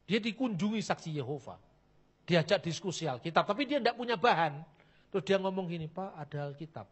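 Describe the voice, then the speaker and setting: A man's voice: sits high, brisk, slightly rough. A middle-aged man preaching a blunt, mocking sermon full of anecdotes. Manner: animated, mocking, blunt, switches into Javanese phrases. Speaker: pastor.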